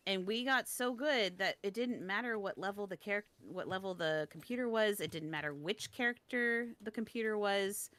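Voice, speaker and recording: A young woman telling a story in casual chat, self-deprecating, with frequent quick restarts. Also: mid-range voice, a bit bright.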